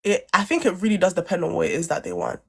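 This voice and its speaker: A young woman co-hosting a podcast argues insistently in a heated debate, repeating her points and talking over interruptions. Her voice is low, rapid-fire and very animated, with vocal fry.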